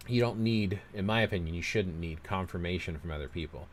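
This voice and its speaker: A man's voice: sits low, fairly quick, slight background noise. A man hosting a casual livestream, reading out viewer comments and giving long, rambling, self-deprecating opinions. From United States.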